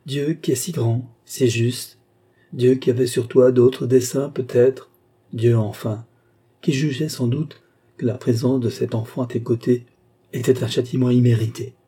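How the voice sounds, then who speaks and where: A man reading a gentle young nobleman. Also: mid-range voice, steady tone, unhurried, slightly rough. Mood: consoling. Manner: soft, consoling. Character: tender young nobleman, gentle older brother.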